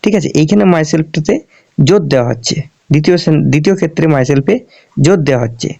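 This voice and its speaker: A man teaching English grammar in a lesson, asking questions and answering them himself, and reading example sentences out slowly. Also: fairly high pitch, expressive, creaky, dark tone. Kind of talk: explanatory classroom lesson. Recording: dull lo-fi recording.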